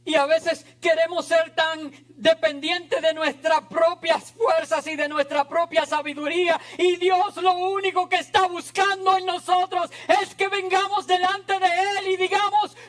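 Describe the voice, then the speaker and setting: A man's voice: extremely high pitch, level tone, unhurried, hardly any pauses, fairly bright tone. A man preaching an impassioned, emphatic sermon as a pastor in a church.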